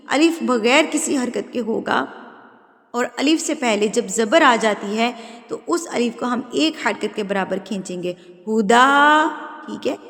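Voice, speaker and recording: A woman teaching Quran recitation rules step by step, explaining patiently, checking that students follow and drawing out example words slowly. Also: fairly high pitch, animated, in a large hall. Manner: switches into slow, drawn-out, louder recitation for examples. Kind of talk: step-by-step tajweed lesson.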